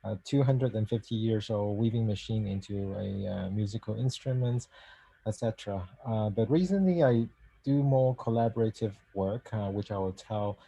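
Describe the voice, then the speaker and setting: A man with a somewhat low, warm voice introduces himself at an online arts panel. He talks haltingly, with frequent fillers, and he is heard over a video call. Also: vocal fry, slightly rough, no echo, low-quality recording. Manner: hesitant, many fillers. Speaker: guest artist and lecturer. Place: home or office on a video call.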